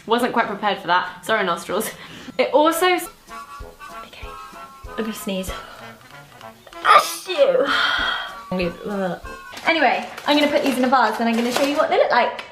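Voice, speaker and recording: A woman's voice: on the high side, animated, a little fast, over music. A young woman in her twenties chatting casually in a home vlog, sneezing often and saying bless you. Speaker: vlogger. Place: home indoors. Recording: echoey room.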